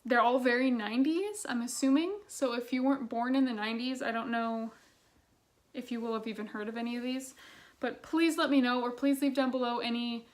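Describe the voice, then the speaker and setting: Woman, twenties, slightly high voice; casual, gushing book vlogger, loose and filler-heavy. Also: fairly even intonation, a little fast. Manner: chatty and gushing, with lots of fillers. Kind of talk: casual chat about childhood books.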